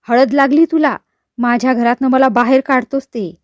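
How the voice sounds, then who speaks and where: A woman voicing a sharp-tongued old woman in a leprosy home, scolding and cursing in a storybook reading. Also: high-pitched, normal speed, no room sound, studio quality, lightly acted. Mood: angry cursing.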